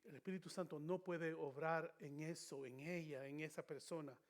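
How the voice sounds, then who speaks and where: A man with a notably high voice teaches a Bible study the way a preacher delivers a sermon. He hammers key words loudly, then sinks into hushed asides, and slips English phrases into his speech. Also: fairly even intonation, moderate pace. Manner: emphatic, swings between loud stresses and quiet asides; drops short English phrases into his Spanish.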